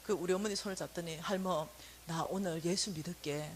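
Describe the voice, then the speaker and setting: A woman's voice: fairly low pitch, steady tone, fairly quick, a little hiss or hum. A middle-aged woman giving a sermon testimony, telling her story with animation and acting out the dialogue. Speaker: church lay teacher giving testimony.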